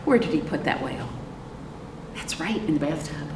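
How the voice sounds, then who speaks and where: Her voice sitting low, an American woman reads picture books to small children as the librarian leading storytime. She is expressive, stopping to question the kids and wait for replies. The sound is distant from the mic, echoey, noisy and roomy.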